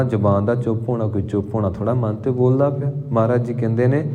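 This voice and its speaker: A man preaching a scripture exposition sermon. He speaks as a deliberate teacher, intoning verses slowly and stressing syllables. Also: mid-range voice, mellow. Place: temple hall. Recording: long hall reverb.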